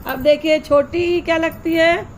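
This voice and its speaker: Slow, patient high-voiced woman teacher. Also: steady tone, a little hiss or hum, rough recording. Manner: slow, patient explaining with repeated questions to pupils. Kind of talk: online grammar lesson for young children.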